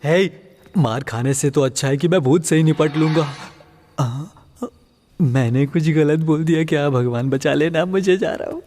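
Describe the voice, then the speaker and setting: A man's voice: on the high side, moderate pace, mellow, close to an everyday voice. A male dub actor playing a talkative, easily scared comic sidekick in a dubbed film. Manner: chattering, fearful, complaining. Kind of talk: Hindi film dub acting.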